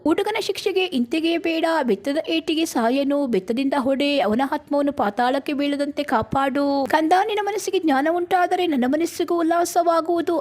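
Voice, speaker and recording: Woman with a high voice reading bible verses aloud, steady and measured. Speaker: Bible reader. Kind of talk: scripture reading.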